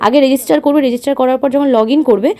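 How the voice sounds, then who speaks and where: A woman vlogger with a Bengali accent talks in a voice-over, walking viewers through steps with many filler sounds. Her voice sits high and the words come out fast. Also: dark tone. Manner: instructive, addresses viewers directly, many filler "ah"s. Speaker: travel vlogger. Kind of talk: voice-over explaining online booking.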